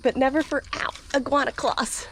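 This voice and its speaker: A woman's voice: high voice, steady tone, normal speed, slight background noise. A woman helping with the animals, talking in a light, laughing way. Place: outdoors by animal enclosures.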